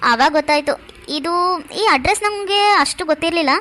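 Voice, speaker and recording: A woman's voice: extremely high pitch, normal speed, pushed and bright. A woman voicing a friendly young wife in a cartoon who explains things at length in a chatty way. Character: friendly young wife, warm-hearted sister-in-law. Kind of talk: cartoon voice acting.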